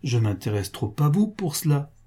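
A man's voice: on the high side, very animated, normal speed, dark tone, breathy edge. A man voicing a cynical wealthy male financier who coaxes with false affection and cold insistence. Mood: coaxing. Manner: wheedling, mock-jovial, coldly insistent.

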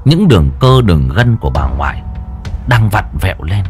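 A man narrating a dramatic horror audiobook in an expressive storytelling manner. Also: sits low, normal speed, faint music behind.

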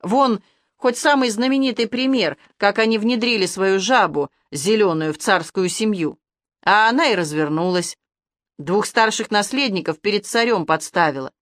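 A woman voicing a gruff old male werewolf police major who rants and lectures. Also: mid-range voice, moderate pace, fairly bright tone, no echo, clean studio sound, natural voice. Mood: lecturing. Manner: ranting, lecturing.

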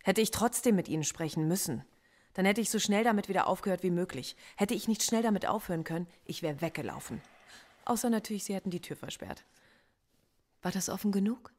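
Her voice natural and mid-range with an animated quality, an actress portrays a cool, defiant philosophy professor under interrogation. The naturalistic radio drama has her speaking in a measured, dryly cutting way.

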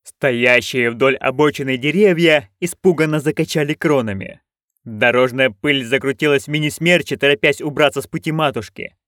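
A man narrating an audiobook in an expressive storytelling manner. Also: medium pitch, normal speed, no echo, studio quality.

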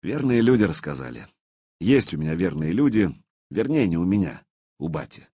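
A man's voice: low voice, sing-song, moderate pace, dark tone, breathy edge, no room sound, highs cut off, exaggerated voice. A man voicing a firm, principled young warrior in an audiobook. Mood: calm. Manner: firm, reproachful. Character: stern loyal young male warrior.

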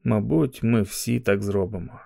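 A bitter, exhausted young male walker speaks in a low, gravelly voice, as a male narrator reads him. The sound is close and dry. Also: unhurried, warm tone, no echo, exaggerated voice. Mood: cruel.

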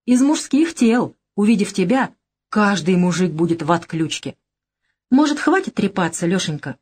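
A woman's voice: mid-range voice, expressive, normal speed, darkish tone, husky. A woman reading an audiobook, voicing a sly, teasing young woman who is a gangster's girlfriend.

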